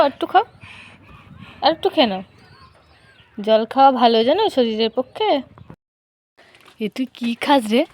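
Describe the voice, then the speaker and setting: A woman vlogging at home, coaxing and playfully talking to a small child in a sing-song way. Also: high voice. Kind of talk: casual home vlog talk to a small child.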